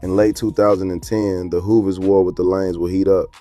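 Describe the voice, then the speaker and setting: Low-voiced man narrating true crime, flat delivery. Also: a little fast. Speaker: documentary narrator. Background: music bed.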